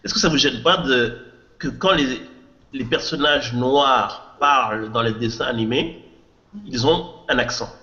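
A man's voice: medium pitch, measured pace, pushed and bright. A man co-hosting a casual podcast panel, insistently repeating his point and putting questions to the group. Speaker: podcast co-host. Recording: muffled, roomy podcast recording.

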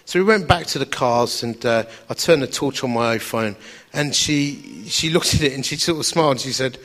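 A man's voice: medium pitch, moderate pace, a bit bright. A man with an Essex accent preaching through personal anecdote in a chatty, wry, self-deprecating storytelling manner. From Essex, England. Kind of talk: anecdotal sermon to an audience.

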